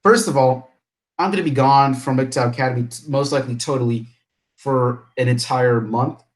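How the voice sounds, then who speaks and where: A man's voice: medium pitch, moderate pace, rough recording. A young man from Bangladesh hosting a casual live stream, rambling and chatty, laughing often and restarting his sentences as he talks into a computer microphone. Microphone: computer mic, camera off.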